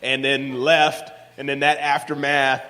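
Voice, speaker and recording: A man with a loud, projecting voice, telling a personal story on stage and acting out the dialogue. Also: medium pitch, measured pace. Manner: animated, acts out dialogue in raised voices. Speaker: live storyteller. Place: stage in a large hall. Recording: live recording with long hall reverb.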